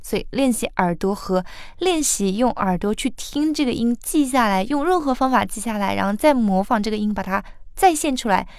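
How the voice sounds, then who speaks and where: A woman's voice: on the high side, lively intonation, darkish tone, smooth, no room sound, studio quality. A woman teaching how to sing a song, patiently breaking lines apart and explaining the sounds. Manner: patient, sings example lines slowly then explains. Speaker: singing teacher. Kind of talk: song pronunciation lesson.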